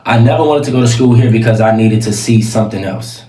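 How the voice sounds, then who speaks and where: A man's voice: on the low side, fast, dark tone, roomy sound, a little hiss or hum. A man from Chicago co-hosting a podcast, talking in casual, playful banter and jumping in over the others. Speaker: podcast co-host.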